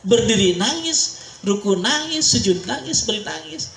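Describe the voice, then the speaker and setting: A man with a Sundanese accent preaching a sermon, leading a crowd in call-and-response with an animated voice that swings between high and low. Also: unhurried. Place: large pesantren gathering. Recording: echoey hall, faint noise.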